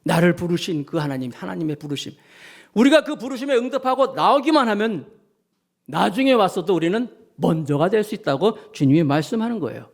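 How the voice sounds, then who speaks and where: Korean pastor preaching, high gravelly voice, swings way up and down, acts out the voices. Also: male voice, a little mellow. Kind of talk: sermon.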